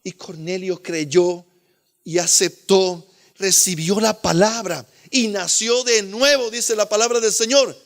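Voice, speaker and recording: A male pastor preaching a sermon with fervor, swinging between loud exclamations and hushed asides and calling listeners beloved brother. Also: high voice, measured pace.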